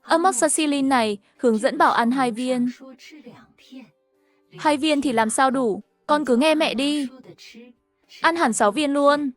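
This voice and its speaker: A stubborn middle-aged mother who swears by home remedies, coaxing and self-assured, voiced by a woman reading the story. Her voice sits high and bossy. Soft music runs underneath. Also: a little slow, pauses often. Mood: smug.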